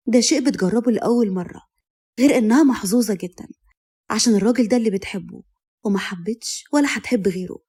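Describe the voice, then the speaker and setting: A woman with an Egyptian accent narrating a romantic audio story at a brisk, steady clip. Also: mid-range voice, slightly rough.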